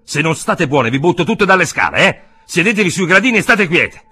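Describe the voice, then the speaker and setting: A brisk, self-assured painter with an emphatic, insistent delivery, pitched well above the reader's own voice, as a man reads him aloud. The tone is husky and the voice sounds a little set apart. Faint music runs under the reading. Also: very animated, fairly bright tone. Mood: shouting. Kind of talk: audiobook reading.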